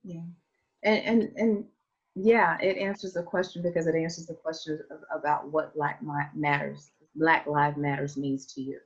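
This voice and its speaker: A woman hosting a group discussion on a video call, talking warmly and earnestly with hesitant restarts. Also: sits low, fairly even intonation, normal speed, slightly rough. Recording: muffled video-call audio.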